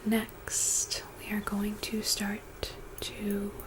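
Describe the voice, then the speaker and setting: A woman in a whispered role-play, speaking gently and intimately right in the listener's ear, guiding in an unhurried, soothing ASMR style. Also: medium pitch, completely flat delivery, low-quality recording. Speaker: ASMR host playing a friend giving reiki.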